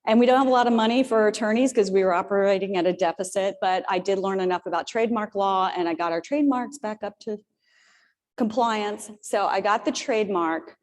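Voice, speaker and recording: A woman's voice: mid-range voice, fairly quick. A woman in her fifties tells a motivational story from a stage, chatty and personal, with joking asides to the crowd. Her voice rings out with a long reverb tail in a large old theater. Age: 50s. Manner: lively, personal storytelling with humorous asides to the audience. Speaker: keynote speaker.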